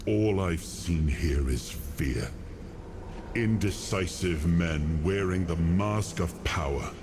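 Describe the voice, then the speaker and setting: King Arthur, very low and grave. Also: noisy background. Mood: bitter, disappointed. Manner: grave, measured, deliberate. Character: weary, solemn, noble King Arthur, burdened ruler. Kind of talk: dramatic video game cutscene acting. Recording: dramatic music behind the voice. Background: cinematic game music.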